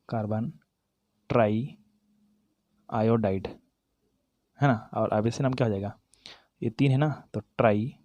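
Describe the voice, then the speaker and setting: A man's voice: mid-range voice, mellow, dry recording. A man teaching a chemistry lesson to students, talking directly to them, asking and then answering his own questions, and correcting himself as he goes. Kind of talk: classroom-style lesson, explaining while writing.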